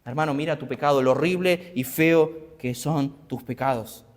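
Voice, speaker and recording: Earnest Argentine preacher in a reverberant church. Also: male voice, fairly high pitch, normal speed. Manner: earnest, repeats questions for emphasis. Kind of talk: sermon. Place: church hall.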